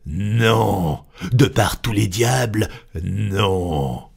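A man's voice: on the low side, lively intonation, very slow, vocal fry, a little mellow, breathy edge, exaggerated voice. A man voicing a furious, blustering American sea captain in a read-aloud storybook, swearing and indignant.

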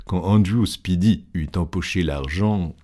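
Man reading an old adventure novel aloud, slow and steady, raspy low voice. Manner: steady, deliberate storytelling. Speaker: narrator. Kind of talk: audiobook narration.

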